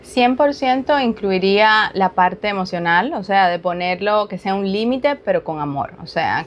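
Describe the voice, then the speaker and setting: A woman in her thirties, a behavior analyst speaking as a guest, telling a personal story in an animated, lively way. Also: medium pitch, slight background noise. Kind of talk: casual interview storytelling.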